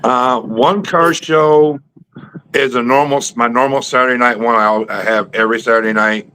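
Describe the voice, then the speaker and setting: Bright-toned joking stream host, man. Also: medium pitch, steady tone, moderate pace, smooth. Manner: joking, easygoing, thinks aloud. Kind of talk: casual chat.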